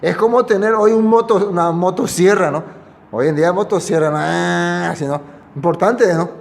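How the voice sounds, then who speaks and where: A man with a high voice gives an informal Bible lesson to his congregation. He talks conversationally and keeps asking whether the listeners follow. The sound rings with a long reverb, as in a hall. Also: moderate pace, creaky, a little mellow. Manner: conversational, asks the listeners for agreement. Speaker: preacher.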